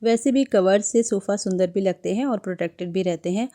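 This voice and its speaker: A woman narrating her home vlog as a voice-over in a gentle, chatty manner, giving homemaking advice to her viewers. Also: medium pitch, a little fast. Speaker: homemaking vlogger.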